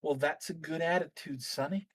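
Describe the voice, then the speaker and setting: A man's voice: on the high side, steady tone, normal speed, voice pushed up, lightly acted. A man voicing a kindly, motherly female innkeeper with a folksy, chatty manner in a tabletop game. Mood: friendly, pitying.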